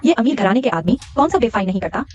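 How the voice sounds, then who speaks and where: A woman's voice: fairly high pitch, sing-song, quick pace, a little mellow, lo-fi sound. A woman voicing a domineering middle-aged mother-in-law in a drama dub, harsh and scolding. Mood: coaxing.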